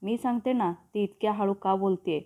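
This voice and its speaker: A woman's voice: mid-range voice, normal speed, natural voice. A woman voicing a fretful, nagging middle-aged mother in a narrated story, over a tinny, phone-like sound. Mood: grumbling. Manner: nagging, teasing.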